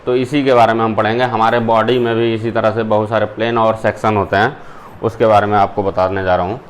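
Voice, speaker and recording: A man's voice: fairly low pitch, level tone, brisk. Man teaching a lecture, faint noise. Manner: explains step by step, mixing in English terms. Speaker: zoology teacher. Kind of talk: classroom lecture.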